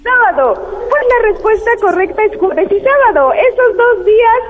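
A woman's voice: very high voice, expressive, normal speed, narrow, tinny audio, background noise. A woman reporting from an event and quizzing the crowd with teasing riddles. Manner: teasing quizmaster. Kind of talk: live remote radio link.

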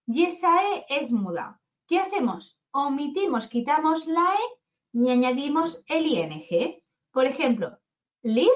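Woman, English teacher, chatty, high voice, muffled lo-fi sound. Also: a bit bright. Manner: chatty, asks "¿vale?" often. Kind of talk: online grammar lesson. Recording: dull lo-fi sound.

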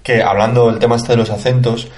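A man's voice: mid-range voice, flat delivery, fast, darkish tone. A man co-hosting a casual comedy chat, telling anecdotes with a laughing, chatty manner. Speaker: podcast co-host. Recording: roomy echo.

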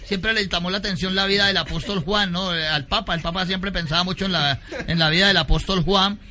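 A Colombian man telling jokes in rapid-fire punchlines and laughing through them. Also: high voice, fairly even intonation, bright, forceful tone. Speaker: comedian. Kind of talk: stand-up joke telling.

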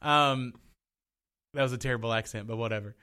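A man's voice: mid-range voice, moderate pace. Rambling man chatting on a podcast. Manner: animated, rambling, frequent restarts. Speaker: podcast co-host. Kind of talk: casual chat.

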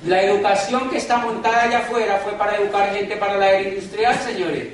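A business motivational speaker gives a live seminar, emphatic and preachy, repeatedly addressing the crowd as "gentlemen" and using dramatic slowdowns and pitch swings for emphasis, though his intonation is fairly even overall. The recording comes from far off in an echoey hall, with faint noise.

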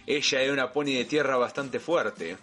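A man's voice: mid-range voice, moderate pace, fairly bright tone, faint music behind. A young man with a Rioplatense accent, co-hosting a comedy podcast. He reads clumsy fan fiction aloud with mock earnestness and trips over the awkward phrasing. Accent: Rioplatense Spanish. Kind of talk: comedic dramatic reading.

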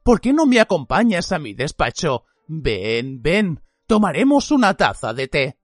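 A grizzled old wizard teacher growls his warnings, as a man acts him out. His lively voice swings hard between a low rumble and sharp emphasis. A dry, close recording with faint music behind the storybook reading. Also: normal speed, no room sound. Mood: gruffly gentle. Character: grizzled gruff old male wizard teacher, stern and watchful. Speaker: voice actor in an audiobook.

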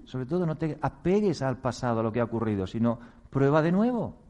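A man gives a reflective, motivational talk on meditation. His voice is warm and mellow at a medium pitch. He speaks earnestly, chuckles at his own mistakes and slips into acted quotes. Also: sing-song, fairly quick, highs cut off.

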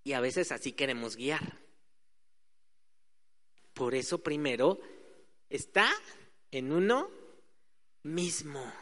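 A man's voice: medium pitch, animated, slow pace, long pauses, bright, forceful tone. A man preaching a sermon in a conversational way, acting out quoted voices. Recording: hall reverb.

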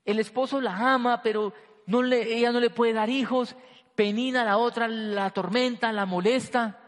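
High-voiced male preacher in a hall. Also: normal speed. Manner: expressive, rising and dropping between loud emphasis and hushed lines. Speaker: pastor. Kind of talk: sermon. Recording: long hall reverb.

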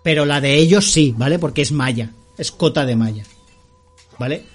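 Man, game master, fairly high voice, explains rules, checks in with players. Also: normal speed, faint music behind. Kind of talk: narrating a tabletop game.

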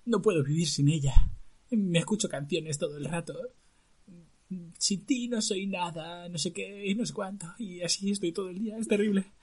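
A man's voice: high voice, normal speed, slightly rough, voice pushed up. A man voicing a lovesick young prince, whining and sighing in a story told aloud. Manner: whiny, sighing.

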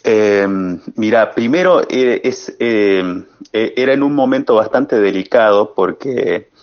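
Interview guest: man, low voice, very slow and halting, muffled lo-fi sound. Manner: slow, hesitant, many fillers. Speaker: guest musician. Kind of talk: interview answers. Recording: muffled lo-fi audio.

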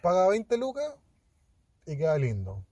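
A man's voice: high voice, wildly swooping pitch, measured pace, darkish tone, dry recording, highs cut off. A young man with a Chilean accent, telling crude, boastful stories in a casual chat. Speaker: podcast co-host.

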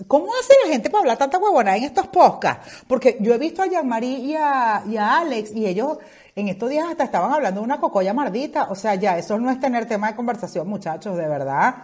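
A young Venezuelan woman talks into her headset mic as host of her own podcast. Her voice sits a little high, and she jokes, swears and jumps between asides in a loose, animated monologue. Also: fast. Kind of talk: casual comedic monologue. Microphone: headphones with mic.

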